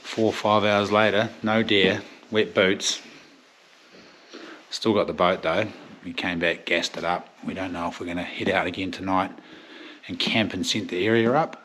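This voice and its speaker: Low-voiced man with a broad Kiwi accent. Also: a bit bright, a little hiss or hum. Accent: broad New Zealand. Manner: laconic, slangy, swears easily. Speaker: outdoor hunting vlogger. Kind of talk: casual vlog chat. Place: outdoors in bush and by a river.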